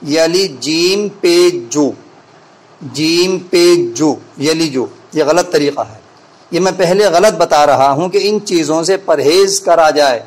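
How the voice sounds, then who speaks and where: A male Quran reading teacher explaining pronunciation to teachers and pupils, and breaking into slow, deliberate letter-by-letter spelling drills. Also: on the high side, rough recording.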